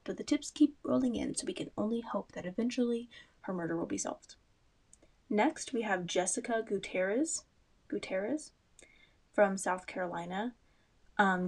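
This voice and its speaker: A woman's voice: medium pitch, a little mellow. A young woman hosting a casual true-crime chat, talking in a loose, rambling way with frequent asides and ums. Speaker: podcast host.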